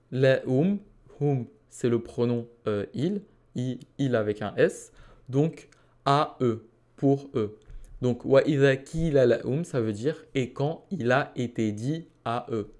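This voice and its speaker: A man's voice: mid-range voice, a little mellow. Man teaching Arabic verse by verse. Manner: patient explaining, reciting Arabic phrases slowly. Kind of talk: Quranic Arabic lesson.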